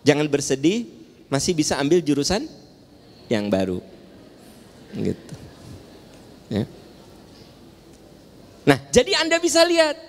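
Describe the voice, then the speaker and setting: A man with a Sundanese accent giving a playful, teasing sermon in a large mosque, joking with the audience and asking them questions. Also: a little high. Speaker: preacher. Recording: long hall reverb in a large mosque.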